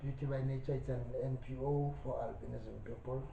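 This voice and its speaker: A man being interviewed at home, speaking slowly and hesitantly with many fillers, heard as old camcorder audio. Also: medium pitch, steady tone, gravelly, mellow. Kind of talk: casual interview talk. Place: indoors at his own home. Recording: lo-fi, distant, roomy camcorder sound with faint hiss.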